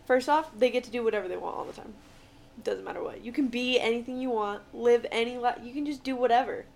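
A woman's voice: on the high side, fast talker, gravelly, a little mellow, slight background noise. A young woman chatting as a podcast guest, arguing her opinions in a talkative way. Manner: chatty, argumentative. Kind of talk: casual chat.

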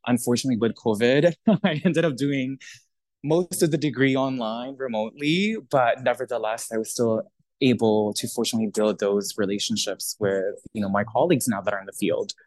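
A man's voice: medium pitch, a little fast, a little mellow, dry recording. Thoughtful young man, dry close sound. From Italy. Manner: thoughtful, many fillers and restarts. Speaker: podcast guest, social worker. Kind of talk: casual interview talk.

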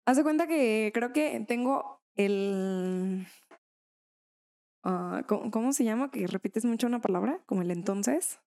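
A woman's voice: a little high, expressive, measured pace, a little mellow. A woman, co-hosting a podcast in casual chat and leaning on verbal fillers. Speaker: podcast co-host.

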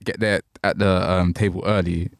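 A British man co-hosting a podcast, chatting casually and cutting in with quick questions. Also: deep voice, flat delivery, creaky, dry recording, studio quality. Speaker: podcast co-host. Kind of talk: casual chat.

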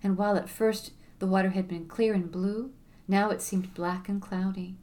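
A woman storyteller narrating a fable in a measured, expressive reading. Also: mid-range voice.

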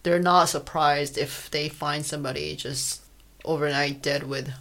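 A woman's voice: sits low, fairly even intonation, a little slow, fairly bright tone. A woman from South Korea, co-hosting a podcast in casual chat, talking in a chatty way with many fillers. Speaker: podcast co-host.

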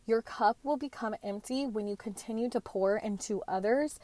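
A woman's voice: fairly high pitch, normal speed, mellow, no room sound. A woman in her late twenties hosting a podcast, talking on her own in a chatty, earnest way with slangy asides. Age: late 20s. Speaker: podcast host. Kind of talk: casual solo talk.

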